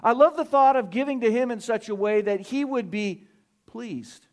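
A middle-aged man preaching a sermon, earnest and animated, telling stories with asides and restarts. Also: very high-pitched, normal speed. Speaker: pastor.

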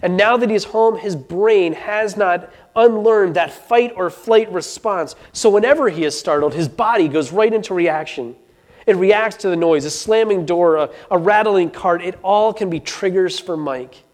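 A man's voice: high voice, measured pace. A man telling a story to an audience in an earnest way, often restarting and repeating words. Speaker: speaker. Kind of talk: storytelling talk.

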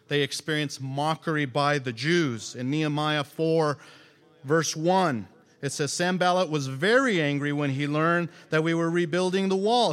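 A man preaching a sermon as a pastor, animated, acting out scripture quotes and asking the congregation questions. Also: fairly high pitch, long reverb tail.

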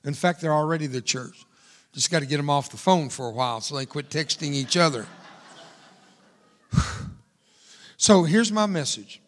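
An older American veteran, invited as a guest speaker, preaches a sermon to a church congregation, leaning on emphatic, repeated phrases. His voice sits a little high and sounds animated, moving at normal speed with long pauses.

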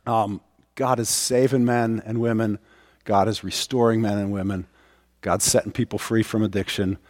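Hoarse middle-aged man preaching in a reverberant hall. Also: on the low side, steady tone, normal speed, darkish tone. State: hoarse, strained voice from a cold. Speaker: pastor and jail chaplain preaching. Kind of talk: personal testimony in a sermon. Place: church, speaking to congregation.

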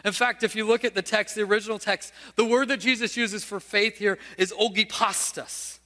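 A man's voice: sits high, fairly even intonation, normal speed, sharp tone, in a large hall. A male pastor preaching a sermon, telling a story and asking his listeners questions.

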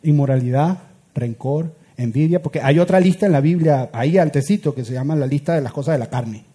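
A man preaching a sermon as a pastor, swinging from loud urgent build-ups to hushed, quiet lines. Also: fairly high pitch, brisk, husky.

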